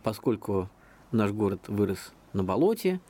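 Mellow-voiced man, chatty local historian. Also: lowish voice, normal speed. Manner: chatty, discursive, lively storytelling. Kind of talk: radio interview explanation.

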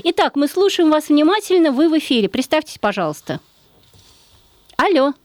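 A woman's voice: high voice, sing-song, moderate pace, no room sound. A woman hosting a live radio call-in show, talking at length in an articulate, chatty way.

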